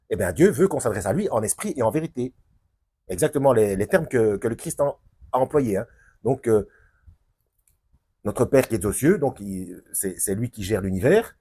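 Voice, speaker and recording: Husky guy preaching off the cuff, lots of euh and restarts, pitch jumps all over when he stresses stuff. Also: darkish tone. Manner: hesitant, many fillers and restarts, emphatic rises. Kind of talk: unscripted Bible teaching to camera.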